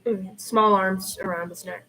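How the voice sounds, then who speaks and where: A podfic reader and live streamer reads fan fiction aloud in an unhurried mid-range voice that sounds pushed and bright, with fairly even intonation. She makes casual asides, and the amateur livestream audio is clearly noisy.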